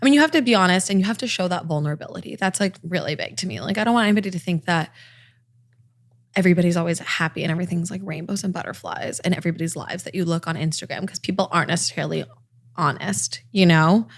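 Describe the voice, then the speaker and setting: A woman with a Californian accent and a slight vocal fry, chatting casually as a podcast guest with lots of fillers. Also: fairly low pitch, fast talker. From Los Angeles. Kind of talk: casual chat.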